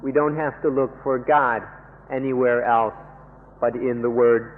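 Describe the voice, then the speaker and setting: Male interpreter of a sermon, very slow and halting, thin phone-like radio sound. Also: mid-range voice, fairly even intonation. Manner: measured, halting phrases with restarts. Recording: tinny old radio recording.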